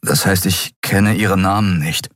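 A man's voice: low-pitched, unhurried, a bit bright, no echo, clean studio sound. A man voicing a cornered young man who pleads and stammers, choking and gasping as he is held by the throat. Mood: confused. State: choked, gasping for air.

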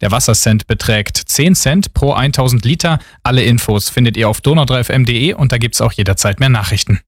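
A man reading the radio news in a measured, even delivery. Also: mid-range voice, dry recording, studio quality. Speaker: newsreader.

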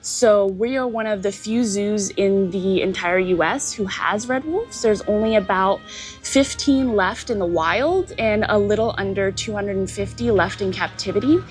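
A young woman from Virginia, a zookeeper explaining her work in an interview, friendly and a bit halting. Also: medium pitch, soft background music. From Virginia, USA.

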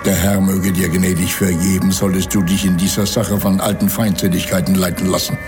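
An actor playing a wealthy, menacing country cousin in a radio drama, speaking in a formal, condescending, sanctimonious manner. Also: male voice, deep voice, flat delivery, a little fast, over music. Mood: indignant, haughty. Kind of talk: German radio drama acting.

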